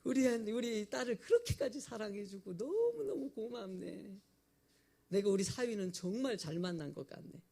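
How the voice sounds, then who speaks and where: A preacher acting out a shrill older churchwoman, loud and high-pitched as she berates her daughter-in-law. Her voice is gravelly and swings widely in pitch. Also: big pitch swings, moderate pace, exaggerated voice. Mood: doting. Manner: shrill scolding, shouted rebukes. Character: older churchwoman, doting mother turned scolding mother-in-law.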